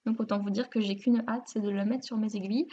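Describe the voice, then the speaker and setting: A woman's voice: medium pitch, fairly even intonation, fast, mellow. A woman with a French accent hosting a knitting video podcast, chatting casually and a bit self-deprecatingly, with many fillers. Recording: muffled lo-fi home recording.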